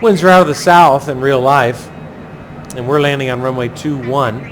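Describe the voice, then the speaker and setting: A man giving a casual flight commentary, chatty and thinking aloud in pilot jargon. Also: normal speed. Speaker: flight simulator pilot and host. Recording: clearly noisy, steady low engine-like rumble.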